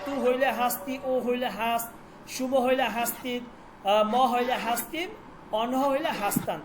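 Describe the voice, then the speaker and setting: A Persian teacher who repeats words slowly for pronunciation and quizzes the students. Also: high voice, background noise. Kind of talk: online language lesson.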